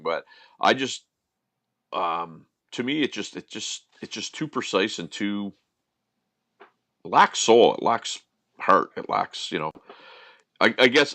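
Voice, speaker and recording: A man with a lowish, bright, sharp-edged voice co-hosts a podcast, launching into animated, opinionated rants that stumble and restart. He is recorded close and dry, with no room echo. His talk is loose and conversational. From Nova Scotia, Canada. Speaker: podcast co-host. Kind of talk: casual podcast chat.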